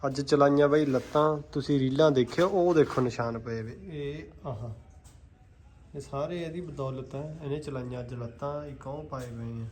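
Male horse-keeping vlogger, Malwai Punjabi accent, informal and chatty, mid-pitched, faint background noise. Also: normal speed, darkish tone. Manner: informal, chatty, addresses viewers as brothers. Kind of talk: casual vlog chat. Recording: noisy handheld vlog with ambient sound.

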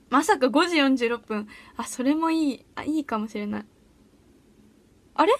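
A teenage girl chatting casually on a solo livestream from a small room at home, bubbly and giggly as she reacts to viewer comments. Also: high voice. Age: teens. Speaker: audition livestreamer.

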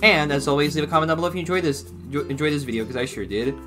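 This young adult reaction host races through casual, rambling commentary over music, repeating and rephrasing as he goes. His pitch is fairly high, and he's recording in a small room at home.

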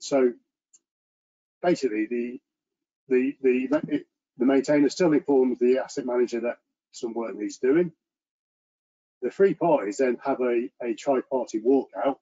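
A man presenting to an engineering meeting over a video call, talking earnestly in a monotone with frequent restarts. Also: medium pitch, slightly rough. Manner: self-described monotone delivery. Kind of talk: online presentation and Q&A. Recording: muffled lo-fi video call audio.

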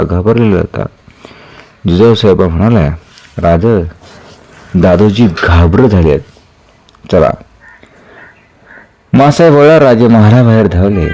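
A man reading a historical novel aloud as narrator, in steady, earnest storytelling. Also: lowish voice.

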